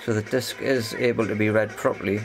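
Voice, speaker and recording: With a fairly low pitch, a steady tone, and a brisk pace, a man hosts an electronics repair video. He gives casual, unscripted commentary on the hands-on repair, thinking aloud in short phrases.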